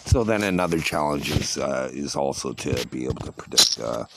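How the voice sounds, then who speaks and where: A man's voice: a bass voice, animated, normal speed, gravelly. A man giving casual, rambling commentary while he plays online poker, often restarting and repeating himself. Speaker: online poker player and streamer. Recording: loud background noise and clicks.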